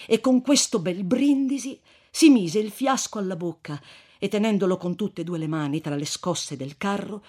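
A reader narrating a classic novel in a measured, expressive way. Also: medium pitch. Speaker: audiobook reader. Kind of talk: literary narration.

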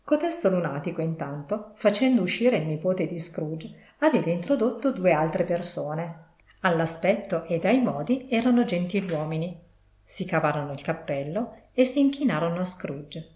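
A woman giving steady, literary audiobook narration of a classic story. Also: fairly low pitch, normal speed. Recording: roomy echo.

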